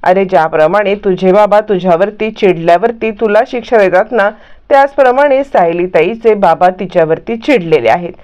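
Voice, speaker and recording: A woman's voice: medium pitch, normal speed, a little mellow, close to an everyday voice. A woman voicing a patient grown woman. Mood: questioning. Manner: explaining patiently to a child. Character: knowing adult woman explaining things to a boy. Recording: muffled lo-fi recording.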